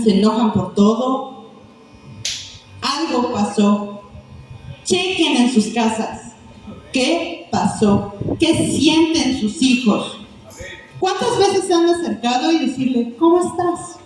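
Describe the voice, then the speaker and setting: A woman's voice: a little high, expressive, slow, long pauses, a little mellow, faint music behind. A woman preaching a sermon, telling stories and acting out little voices as she questions the congregation. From Mexico. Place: church hall. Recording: echoey hall mic from a distance.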